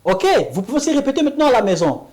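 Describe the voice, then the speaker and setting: Woman teaching English on TV, lively pitch. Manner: explains in French, repeats English examples slowly, asks "Ok?". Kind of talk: televised language lesson.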